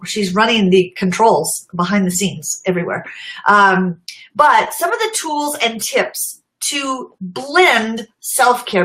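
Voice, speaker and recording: A woman's voice: mid-range voice, fairly bright tone, low-quality recording. A middle-aged woman casually chatting on a live stream, laughing often and greeting viewers by name. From United States. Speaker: social media marketing host.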